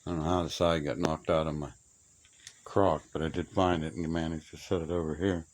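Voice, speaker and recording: A bass-voiced man, middle-aged or older, talks briskly and flatly while giving a rambling walk-through of his old radio gear. Folksy and plainspoken, he muses to himself amid a cluttered old room being cleared out. Noise, clicks, and insect chirps fill the amateur recording.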